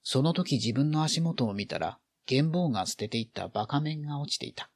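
A man narrates a literary story in a vividly animated voice whose pitch rises and falls freely. His middle-pitched delivery colors each feeling in the narration. The recording is close and dry, with no room sound. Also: a little fast, no echo. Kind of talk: expressive literary reading.

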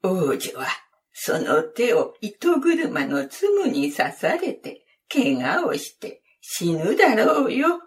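A spiteful old fairy woman casting a curse in a low, grudging growl, as a woman storyteller puts her on. Her pitch swoops widely and she drags her words out slowly. The storybook voice sits well back from the mic. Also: huge pitch swings, full character voice. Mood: menacing. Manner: grudging, menacing. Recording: distant from the mic.

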